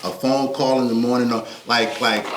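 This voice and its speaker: A man's voice: medium pitch, little pitch movement, normal speed, fairly bright tone. A man co-hosting a podcast, talking in a laid-back, reflective way with loose, rambling thoughts. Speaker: podcast co-host. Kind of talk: casual podcast chat. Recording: echoey room with faint background noise.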